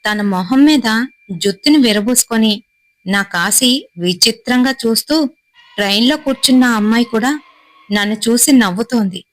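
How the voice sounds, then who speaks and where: A woman narrating a horror story in a steady, suspenseful storytelling manner, in short phrases. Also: fairly high pitch, normal speed, pauses often, no echo, rough recording.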